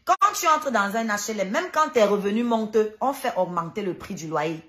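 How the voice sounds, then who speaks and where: An online live streamer delivers a heated, combative rant full of sarcasm, her animated mid-range voice running a little fast. She hammers home each point by repeating it emphatically.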